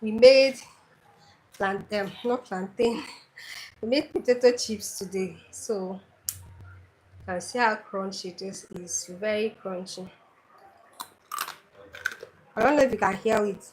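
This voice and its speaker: A woman with a Nigerian Igbo accent talks through a home cooking lesson at an unhurried, deliberate pace. She is chatty and keeps repeating her key points for emphasis. A faint hiss of noise sits under her voice. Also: mid-range voice, rough recording. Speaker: cooking channel host. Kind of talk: casual cooking tutorial.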